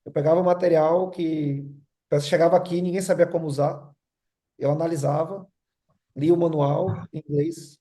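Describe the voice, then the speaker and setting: A man's voice: on the high side, lively intonation, normal speed, dark tone. A middle-aged man with a Bahian Portuguese accent, mixed with São Paulo speech, telling his story in a casual group chat. He rambles and tags nearly every phrase with "né?". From Brazil, born in Rio, raised in Salvador.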